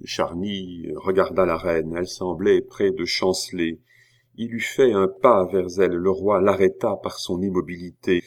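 A man reading a classic novel aloud in measured, dramatic audiobook narration. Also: deep voice.

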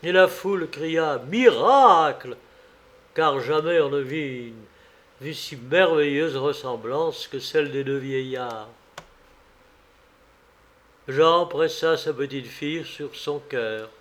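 A man reading a folk tale aloud in a measured, even way. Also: a little high. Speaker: narrator. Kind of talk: storybook reading.

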